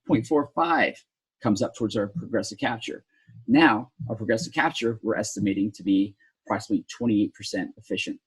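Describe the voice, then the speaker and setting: A man's voice: on the low side, brisk, breathy edge, poor audio. A man teaching a rope rescue lesson, walking step by step through force calculations with the odd sarcastic aside. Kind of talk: technical lesson at a whiteboard.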